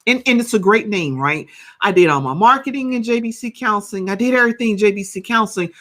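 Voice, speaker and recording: A counselor in her fifties speaks on a video-call podcast in a bright, forward voice. She tells her story with animated energy and keeps checking in with "right?". Her pitch sits in an ordinary middle range for a woman. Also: quick pace. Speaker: guest, counselor and coach. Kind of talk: podcast interview.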